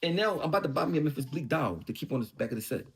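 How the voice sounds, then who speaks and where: Fast, animated taunting man from Philly. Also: a little high. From Philadelphia. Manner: taunting, mocking, heated. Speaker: show host. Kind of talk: ranting monologue.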